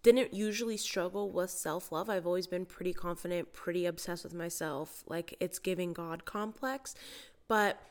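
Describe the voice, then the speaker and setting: A woman with a slightly low voice talks casually as a solo podcast host. She sounds congested, with the stuffy nose of a head cold. Her way of talking is chatty and informal. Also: normal speed. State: has a cold. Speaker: podcast host and mindset coach.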